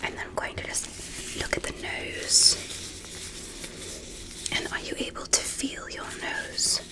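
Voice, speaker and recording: An ASMR performer whispers softly and breathily as a fascinated alien doctor in a medical roleplay, speaking gently and deliberately in short, measured phrases. The recording is low quality.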